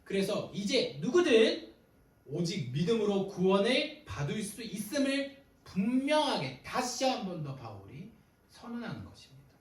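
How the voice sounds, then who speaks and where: A young man preaching a sermon to teenagers in a relaxed, conversational way, retelling his own arguments with quoted dialogue. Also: high voice, moderate pace, echoey room, far from the mic, low-quality recording. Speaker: youth ministry pastor. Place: church sanctuary.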